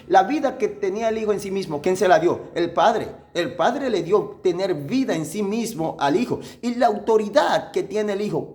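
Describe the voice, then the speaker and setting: A male pastor teaching from the Bible, reasoning step by step with rhetorical questions and repeating key points for emphasis, slowing down to read verses aloud. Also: high-pitched, darkish tone. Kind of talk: sermon-style Bible teaching.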